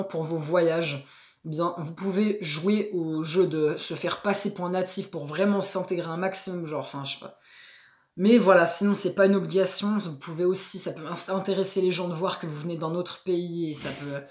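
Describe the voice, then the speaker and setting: A woman's voice: lowish voice, moderate pace. A woman hosting a language-learning video, explaining in a casual, chatty way with slang fillers. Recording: echoey room.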